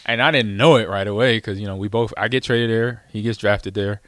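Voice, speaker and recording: A man's voice: fairly low pitch, a little fast, a bit bright, no echo. A man hosting his own show, chatting casually and telling a rambling story full of fillers and laughs. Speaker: show host, former football player. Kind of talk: casual chat.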